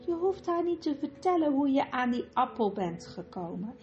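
A woman's voice: very animated, normal speed, darkish tone, lo-fi sound, faint music behind. A woman voicing a cruel, scheming female witch in a storybook reading, coaxing and scornful. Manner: coaxing then shrill and scornful.

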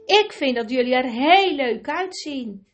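A woman's voice: sits high, expressive, measured pace, highs cut off. Woman doing an earnest young girl.

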